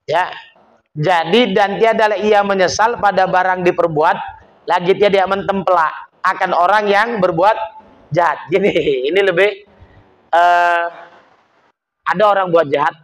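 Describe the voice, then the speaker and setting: A man's voice: high voice, a bit bright. A male religious teacher with a Medan Indonesian accent giving an Islamic study sermon, explaining Arabic terms and acting out quoted speech. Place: mosque study gathering.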